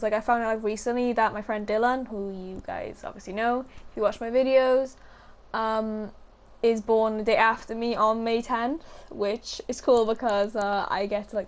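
A fourteen-year-old girl with a Welsh accent chatting casually in a vlog, giggling often and saying "like" a lot. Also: fairly high pitch. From Wales. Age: teens. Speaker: gaming YouTuber. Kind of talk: casual vlog chat over gameplay.

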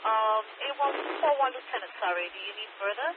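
A police dispatcher, a man, speaks in a fairly high voice over a tinny scanner channel. Loud hiss sits under every clipped, code-heavy transmission. The sound is narrow and lo-fi, like a radio relay. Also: brisk. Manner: clipped, uses radio codes.

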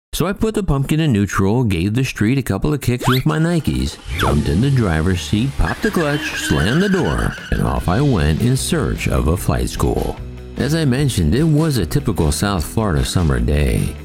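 A man's voice: gravelly, darkish tone. A middle-aged man narrating a wry, vivid first-person story of his first flying lesson. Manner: wry, vivid storytelling with big swings in pitch.

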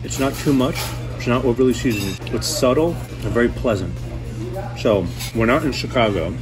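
A man's voice: medium pitch, animated, moderate pace. Chatty man reviewing food, music behind. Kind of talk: casual food review vlog. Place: restaurant booth indoors.

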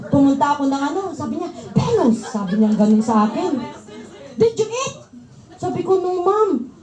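High-voiced Filipino woman preaching. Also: echoey room, rough recording. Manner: lively storytelling, laughing often, acting out quoted voices. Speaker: preacher giving a testimony. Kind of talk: sermon with personal testimony.

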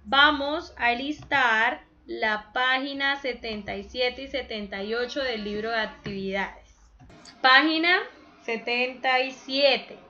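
Woman teacher, high bright voice, slow and patient, dull lo-fi call audio. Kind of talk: online grammar lesson for children.

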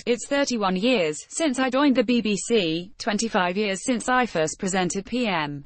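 A woman delivers scripted news narration, reading a written article aloud. Her voice sits at an ordinary middle pitch for a woman. The sound is dry, with very little room around it. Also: no room sound.

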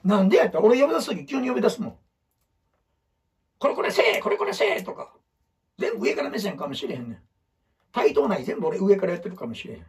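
Speaking fast in Osaka Kansai dialect, a man sketches out ideas on a whiteboard while handing out life advice as a photographer. His high-pitched voice is very animated and a little mellow. The talk is casual, blunt and rambling, with quotes acted out in other voices.

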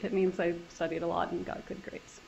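A woman's voice: on the low side, flat delivery, a little fast, creaky, a little mellow, dull audio. A woman testifying as a witness in court, giving brief, guarded answers. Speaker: witness, a lawyer herself.

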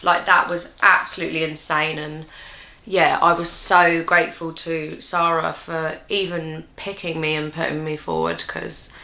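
A woman's voice: low voice, level tone, measured pace, bright, forceful tone. A woman in her twenties chatting casually to camera in a rambling, self-mocking way while answering viewers' questions. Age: 20s. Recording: roomy echo.

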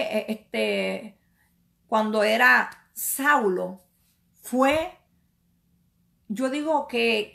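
A woman evangelist delivers a sermon at a deliberate, unhurried pace, stressing and repeating her key words. Her voice sits a little high and carries a gravelly edge. She keeps putting questions to her listeners and answering them herself. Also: a bit bright. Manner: slow emphatic preaching with repeated words and rhetorical questions.

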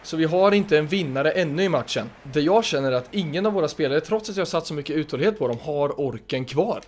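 Excitable Swedish gamer commentating his match. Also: a little high, a little hiss or hum. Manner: commentates his own play, shouts at players, bursts of excitement. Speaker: gaming youtuber. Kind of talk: excited play-by-play of a football video game.

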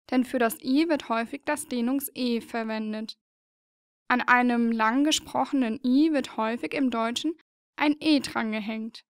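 A woman's voice: fairly high pitch, no room sound, studio quality. A woman narrating a learning video, patiently explaining and spelling out letters one by one in a scripted voice-over.

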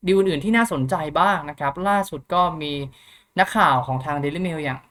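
A man's voice: on the high side, animated, brisk, a bit bright. A young man hosting a football news channel, chatting casually through the latest updates with many polite filler particles and thinking aloud.

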